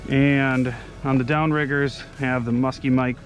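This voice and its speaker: A fishing vlogger in his thirties gives casual running remarks outdoors, on a kayak on open water and on a beach, recorded by a nearby action camera. His medium-pitched voice is flat and a little slow, with soft background music.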